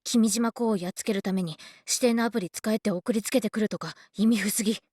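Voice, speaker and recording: A reclusive young hacker girl, voiced by a woman spits out indignant rants at breakneck speed. Her voice is a little husky, muttered half to herself in game dialogue. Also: mid-range voice, very fast, a little mellow, dry recording, clean studio sound, close to an everyday voice. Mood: ranting. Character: reclusive young female hacker ranting angrily. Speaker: game character. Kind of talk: Japanese game voice acting.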